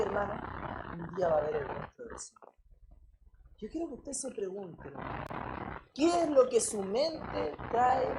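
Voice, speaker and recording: A woman's voice: mid-range voice, noisy background. A woman with a Chilean accent preaching a sermon, speaking emphatically, asking many rhetorical questions and often turning to her listeners as brother.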